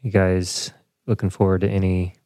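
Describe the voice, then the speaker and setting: A man's voice: low-pitched, little pitch movement, normal speed, dark tone, dry recording, studio quality. A man hosting a casual podcast chat, joking around and laughing often. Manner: laughs often, chatty and jokey. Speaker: podcast host.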